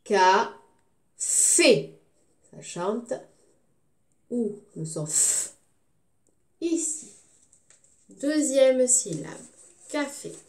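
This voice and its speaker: Woman, kindergarten phonics lesson, very slow and careful, syllables spelled out, roomy echo. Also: a little high, very animated, dark tone. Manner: slow, clear, sounds out syllables to the children. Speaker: kindergarten teacher. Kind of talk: recorded phonics lesson for young children.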